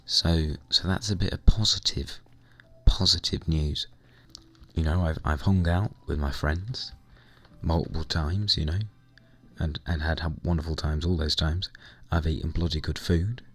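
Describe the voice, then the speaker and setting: Hoarse young man, very deep. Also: steady tone, a little slow, a bit bright. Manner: rambling, chatty, mild swearing. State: hoarse, recovering lost voice. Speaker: gaming vlogger. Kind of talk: casual chat while playing a game. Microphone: desk microphone at computer.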